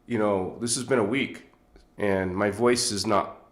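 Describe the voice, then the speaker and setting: This man speaks at a measured pace in a lowish, steady voice, with a roomy sound around him. His casual livestream runs through a phone on a tripod, and he rambles and chats with a stuffed-up nose, often chuckling.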